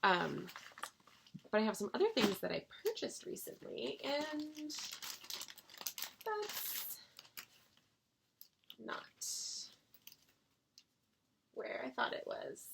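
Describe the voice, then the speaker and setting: A woman chatting casually to her viewers about her stitching, gushing with excitable bursts and rambling restarts. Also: a little high, slow pace, vocal fry, pauses often, background noise. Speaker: cross-stitch vlogger.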